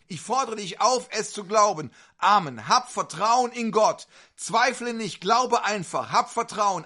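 A man's voice: high-pitched, pushed and bright. A man preaching at a faith-healing service, fervently questioning individual listeners one after another. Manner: fervent, insistent.

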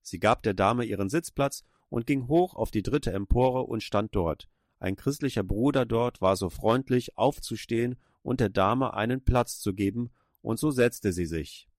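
A man's voice: medium pitch, dry recording, clean studio sound. A man preaching a sermon, retelling a story in an earnest manner and urging his listeners on with emphatic exhortations.

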